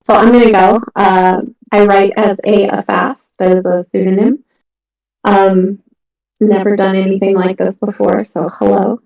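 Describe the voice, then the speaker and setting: A middle-aged indie author talks casually but earnestly about her writing over a voice chat from home, often pausing with ums and restarting. Her mid-range voice is level, measured, a little mellow, with vocal fry. The computer-mic audio sounds echoey, distant, and muffled.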